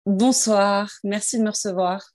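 A woman's voice: medium pitch, steady tone, moderate pace, dry recording, clean studio sound. A woman singer answering interview questions into a phone held in her hand, thoughtful and hesitant, with many fillers and restarts. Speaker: singer guest.

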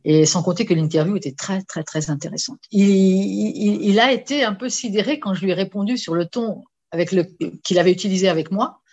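Woman journalist, chatty anecdote teller, mid-pitched, repeats herself, lively delivery. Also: a little fast, hardly any pauses, muffled recording. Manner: lively storyteller with many fillers and repetitions. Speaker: sports journalist. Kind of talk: anecdote in casual conversation.

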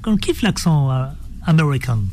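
High, lively French radio host. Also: male voice, moderate pace, a little hiss or hum. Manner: animated, playful, jumps between topics. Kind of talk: lively radio show chat. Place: radio studio.

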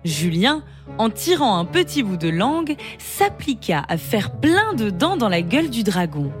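Lively woman telling a children's story. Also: mid-range voice, measured pace. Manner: expressive, lively reading. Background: music.

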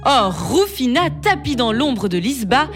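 A woman narrating a bedtime story at an unhurried, gentle pace, her voice rising and falling expressively. Soft music plays faintly beneath her. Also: fairly high pitch. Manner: slow, expressive reading.

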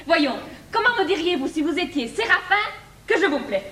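An actress playing a spirited, bossy young brewer's daughter in a stage comedy, with a Brussels French accent, coaxing and exclaiming. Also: female voice, extremely high pitch, lively intonation, fairly quick, bright, forceful tone, heavily acted. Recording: echoey stage, distant mic, some noise.

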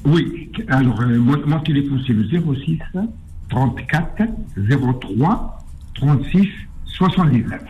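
A man's voice: mid-range voice, lively intonation, a little slow, slight background noise. A man calling into a radio show, stammering and repeating his words in an insistent way. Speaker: caller. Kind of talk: phone-in chat. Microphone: phone. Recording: tinny phone line.

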